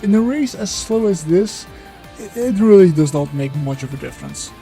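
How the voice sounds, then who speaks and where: A man whose voice is disguised by a voice changer, sitting a little high and sounding mellow and soft-edged. He narrates his game-development video bluntly and with some swearing, drifting into halting, filler-heavy talk whenever he leaves the script. Faint music plays under him. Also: gravelly. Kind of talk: devlog voiceover.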